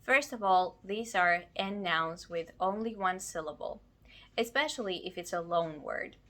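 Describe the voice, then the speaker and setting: Woman, language teacher, scripted lesson, ill and low on energy, slow careful delivery, slightly low pitch. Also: bright, forceful tone. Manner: slow, careful explanation with words spelled out.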